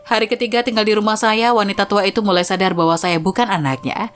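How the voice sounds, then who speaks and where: A woman's voice: mid-range voice, fast, soft background music. A woman narrating a first-person moral story in an earnest, moralizing way.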